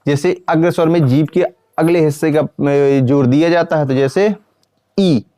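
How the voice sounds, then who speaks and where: A man's voice: a little high, fairly even intonation, mellow, dry recording, clean studio sound. Male teacher quizzing his class. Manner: asks the class questions and answers them himself; repeats points slowly and sounds out vowels. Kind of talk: grammar lesson.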